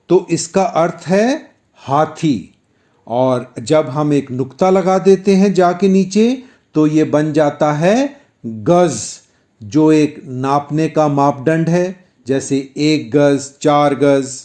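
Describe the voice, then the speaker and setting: A middle-aged man narrates a pronunciation lesson at a very slow, careful pace. His voice is mellow and slightly high, and he stretches each practice sound so learners can follow. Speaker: Hindi pronunciation teacher.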